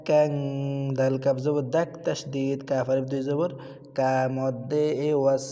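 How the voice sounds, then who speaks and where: Guy teaching quran recitation, mellow low tone, long echo around him. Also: little pitch movement, moderate pace, muffled recording. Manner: asks questions and answers them himself, repeats syllables. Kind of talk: tajweed lesson with recitation drills.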